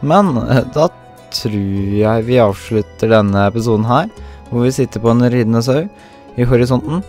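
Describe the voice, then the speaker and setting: A man's voice: mid-range voice, a little mellow. A young man giving casual, self-mocking commentary while he plays a video game, throwing in English slang. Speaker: gaming YouTuber. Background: faint game music.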